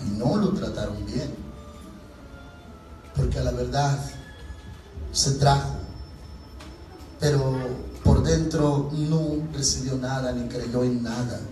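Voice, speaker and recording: Impassioned Mexican-accented male preacher, repeats for emphasis; distant mic, faint music behind. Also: mid-range voice. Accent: Mexican Spanish. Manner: impassioned, climbs to near shouts, repeats phrases. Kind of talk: sermon. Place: church sanctuary. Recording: very echoey church hall from far off, faint music.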